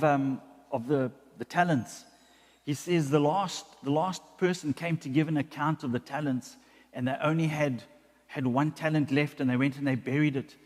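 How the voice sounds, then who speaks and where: A fairly high-voiced man preaching a sermon in a church hall, his words trailing off into a long reverb. He often repeats a word several times while he builds a point. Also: a little mellow. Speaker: pastor.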